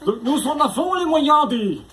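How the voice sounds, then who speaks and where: A man doing a menacing German officer interrogator in a put-on mock German accent, slow and theatrical. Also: very high voice, lively intonation, a crowd in the background, voice pushed up. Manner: slow, exaggerated, theatrical threats. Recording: noisy live room.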